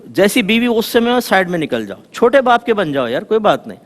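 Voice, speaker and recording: Higher-voiced man, lively religious talk. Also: long reverb tail. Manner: lively storytelling with folksy examples. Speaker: religious scholar on a panel.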